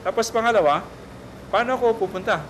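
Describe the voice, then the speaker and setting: Gentle priest, teaching tone. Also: male voice, high-pitched, quick pace, background noise. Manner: gentle, teaching, often asks "di ba?". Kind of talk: casual spiritual talk.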